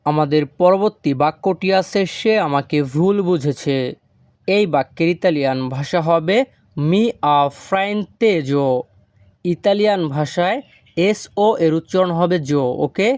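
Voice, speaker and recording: A man with a Bangladeshi Bengali accent teaches a language lesson, taking his time and pausing to lean on each foreign word. His voice sits a little high for a man, and the sound is dry and close, with no room around it. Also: darkish tone, no echo. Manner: slow and deliberate, stresses each foreign word.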